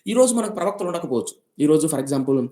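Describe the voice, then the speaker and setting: A man's voice: fairly high pitch, expressive, fast talker, dark tone, poor audio. A man preaching a storytelling sermon, emphatic and repetitive. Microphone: online live stream.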